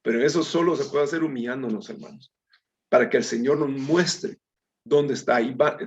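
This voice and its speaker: A man with a medium-pitched voice speaks at a normal pace, leading a conversational Bible study. He addresses his listeners as brethren and reads scripture aloud, making small slips along the way. The recording is dull and lo-fi.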